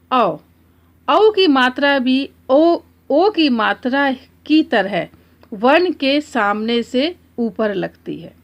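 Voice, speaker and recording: A woman teacher explaining a lesson to children, slowly drawing out example words one by one. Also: on the high side. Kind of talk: slow, deliberate classroom explanation.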